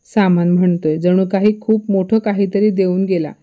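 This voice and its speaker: A woman's voice: mid-range voice, fairly even intonation, moderate pace, phone-quality sound, natural voice. A woman doing a scolding suspicious mother-in-law. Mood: mocking. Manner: accusing, scolding. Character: sharp-tongued suspicious older mother-in-law.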